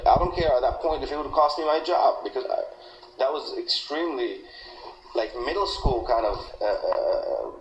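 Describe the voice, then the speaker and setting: A man in a recorded interview, telling an aggrieved story haltingly, with many restarts. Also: medium pitch, lively intonation. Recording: echoey room with faint noise.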